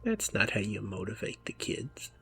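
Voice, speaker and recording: A man giving game commentary in hushed, wry asides. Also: lowish voice, very animated, moderate pace, creaky, a little hiss or hum. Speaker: let's-play commentator.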